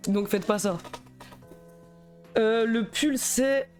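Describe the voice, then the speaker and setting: A man's voice: extremely high pitch, very slow, soft background music. A young man with a Belgian French accent chatting casually on a live stream, nervous and self-mocking, stammering and rambling between laughs.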